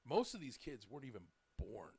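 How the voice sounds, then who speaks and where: A brisk man in his late thirties hosts a casual podcast, telling rambling stories packed with "like" and "dude." His medium-pitched voice swoops wildly, sounding a little mellow and slightly rough, in a dry recording.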